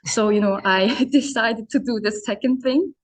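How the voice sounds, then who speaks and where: A woman's voice: a little high, moderate pace. A young adult woman from Serbia, an English speaker, talking in a casual interview as a podcast guest, full of hesitant fillers like "you know" and "um". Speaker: podcast guest, founder of an online business community.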